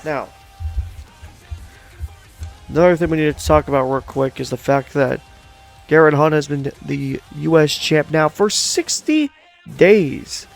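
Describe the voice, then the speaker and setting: A man's voice: on the high side, lively intonation, unhurried, gravelly, pauses often, faint music behind. Upbeat male wrestling show commentator. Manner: hype announcer tone, addresses folks, chatty with co-host.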